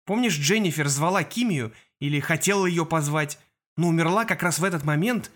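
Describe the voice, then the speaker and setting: An anxious teenage boy mage who stammers and frets, as a male narrator reads him. His voice sits a little higher than a grown man's and tightens when scared. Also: fairly quick, a bit bright, close to an everyday voice. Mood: worried.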